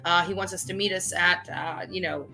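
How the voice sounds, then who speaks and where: A woman talks off the cuff to camera like a vlog host, sounding indignant, emphatic, and self-justifying. Her lowish voice is gravelly, pushed, and bright, with a steady tone and brisk pace. Faint music plays behind her on a low-quality recording.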